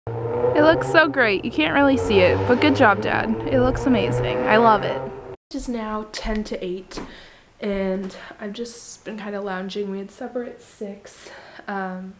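This casual daily vlog, filmed in her bedroom, car and living room, features a young adult vlogger from Canada with a cold-stuffed nose. She rambles chattily to a handheld camera at arm's length, keeping quiet at night, and her mid-range voice sits in very noisy audio.

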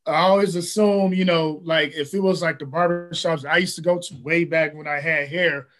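A man's voice: fairly high pitch, steady tone, normal speed, fairly bright tone. A man hosting a podcast, asking a guest questions with a lot of "you know" and repeated words. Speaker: podcast host. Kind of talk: interview questions.

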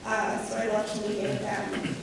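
Speaking as a scholarship recipient, this American woman in her twenties from Kansas delivers a prepared club talk with a voice roughened by a cold she's getting over. She has medium pitch, a level tone, vocal fry, and a measured pace. A camera picks up her handheld mic through the PA of a big hard-walled room, far off, echoey, and noisy.

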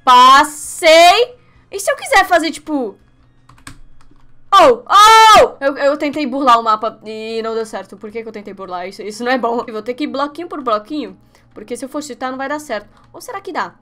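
A young Brazilian woman giving let's-play commentary on her webcam setup, excitable and quick to yelp and shriek at each slip. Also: fairly high pitch, faint music behind. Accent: Brazilian Portuguese. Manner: excitable, yelps and shrieks when failing. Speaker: gaming youtuber.

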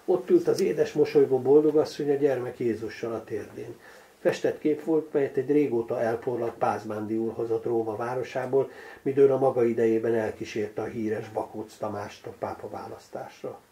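Older guy reading his novel, gravelly and dark, dry little asides for footnotes. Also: medium pitch. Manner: dry, wry asides announcing pages and footnotes. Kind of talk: literary reading aloud.

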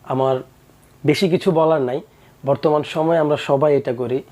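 A young man tells a moral tale in an earnest, preachy way. His voice is warm and mellow and sits a little high. He talks straight to his listeners and drives the lesson home. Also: fairly even intonation, normal speed. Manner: earnest, preachy, with acted quotes. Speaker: storyteller. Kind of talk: moral storytelling to camera.

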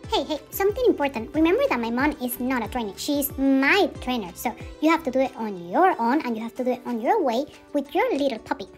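A woman voicing a cheeky young female puppy dog that talks quickly and loudly. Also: sits high, expressive, music in the background, pitched above the performer's own voice. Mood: playful.

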